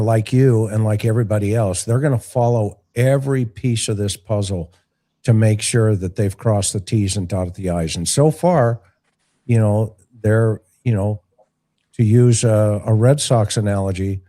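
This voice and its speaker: Blunt male talk host, mellow voice. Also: fairly low pitch. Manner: blunt, folksy, rhetorical asides. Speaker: talk show host and investigator. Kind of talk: casual opinionated live commentary.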